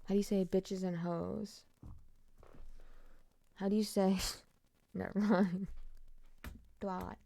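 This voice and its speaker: A woman's voice: medium pitch, level tone, slow, creaky, long pauses, warm tone. A woman streamer giving casual reaction commentary, blunt and angry, swearing freely. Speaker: streamer reacting to trial footage.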